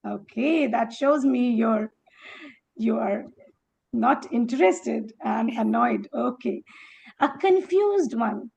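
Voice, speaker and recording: Gravelly higher-voiced woman leading a workshop. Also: darkish tone. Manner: encouraging, calls on participants by name; demonstrates tones by acting out phrases. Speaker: workshop educator. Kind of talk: interactive speaking workshop.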